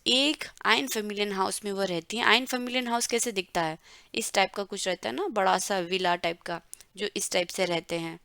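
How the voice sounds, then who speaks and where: Slow, bright-voiced woman teaching German. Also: medium pitch, no room sound, clean studio sound. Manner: slow, drawn-out pronunciation drills. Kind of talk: bilingual language lesson.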